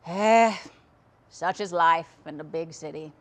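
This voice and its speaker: A woman voicing her folksy older father, gruff but jolly, in a storytelling monologue. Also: low-pitched, slow pace. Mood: resigned.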